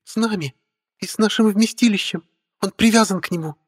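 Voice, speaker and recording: A man's voice: high-pitched, a little fast, breathy edge, voice pushed up. A man voicing desperate girl spirits crying out urgently in an audiobook. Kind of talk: audiobook character voice.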